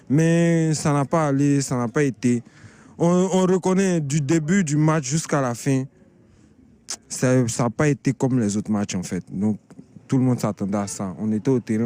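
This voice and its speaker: Animated man in his thirties. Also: mid-range voice. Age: 30s. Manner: animated, laughing, repeats himself. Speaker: passer-by interviewed. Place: outdoors on a city street.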